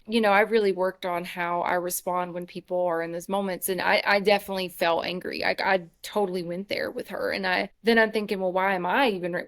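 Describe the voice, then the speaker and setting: Middle-aged woman, podcast co-host, rambling animated storyteller, mid-pitched voice. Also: clean tone. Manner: animated storytelling, many fillers and restarts. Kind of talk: casual chat.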